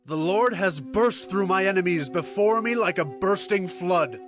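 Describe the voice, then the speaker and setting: Stern warrior king for biblical audio drama; highish voice, solemn declamation, music underneath. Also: animated, a little slow. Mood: exultant. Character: stern, commanding warrior king of ancient Israel. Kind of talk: dramatized scripture acting.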